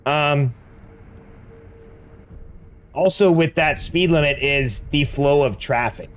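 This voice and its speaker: A middle-aged American man chatting casually while gaming, slangy and peppering his talk with dude and like. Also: fairly high pitch. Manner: slangy, says dude and like often. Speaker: game streamer.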